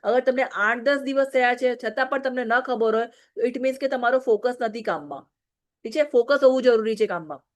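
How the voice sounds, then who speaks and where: A woman's voice: on the high side, moderate pace. A married woman giving a direct, scolding training talk to her business team, often checking "okay?". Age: adult, married.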